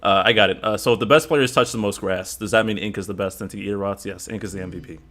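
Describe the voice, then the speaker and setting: A man's voice: lowish voice, fairly even intonation, quick pace, fairly bright tone. A man hosting a casual livestream chat, rambling and reading out viewer messages. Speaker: stream host.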